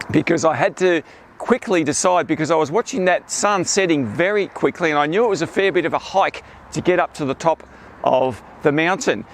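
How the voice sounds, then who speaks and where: A man's voice: on the high side, vocal fry, a little hiss or hum. A man, telling a photography trip story in a chatty, self-deprecating vlog style. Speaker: landscape photographer vlogger.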